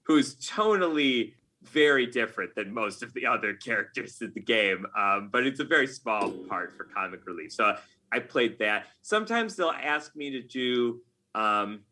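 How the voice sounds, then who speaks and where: A mid-range, pushed and bright voice comes from an American video game writer being interviewed on a podcast. He's animated and speaks at normal speed, answering conversationally and often going back to reword his explanations.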